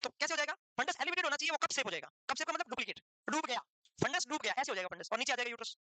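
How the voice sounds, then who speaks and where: A man teaching a class at a quick clip, his voice high and bright. He scolds, jokes and teases students between dictated notes, and the sound is dry and close. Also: animated, dry recording. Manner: brisk, scolding, teasing joker. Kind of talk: classroom lecture.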